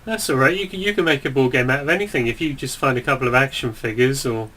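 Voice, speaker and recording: A man's voice: medium pitch, fast talker, pushed and bright. A young man from England co-hosting a gaming video, talking in dry, teasing banter. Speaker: let's play co-host. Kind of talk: casual gaming chat.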